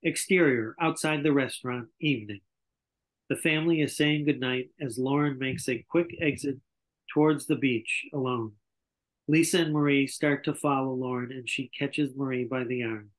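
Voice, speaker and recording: Over a video call from an indoor room, an older narrator reads out the scripted stage directions for a table read. He speaks at normal speed in a mid-range voice, and the call microphone gives a low-quality recording.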